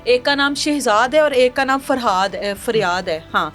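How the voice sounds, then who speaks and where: A Pakistani woman hosting a news show retells a crime case with indignation and moralizing, acting out the quotes. Her voice is a little high, animated and fairly bright, with faint music in the background.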